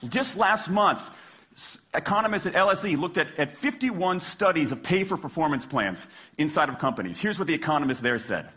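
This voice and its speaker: A man's voice: fairly high pitch, very animated, fairly quick, sharp tone. An American man giving a persuasive stage talk like a passionate closing argument, with emphatic rhetorical questions and punchy short phrases. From Washington, D.C., United States. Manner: passionate closing argument, like a lawyer addressing a jury. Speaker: public speaker, former lawyer.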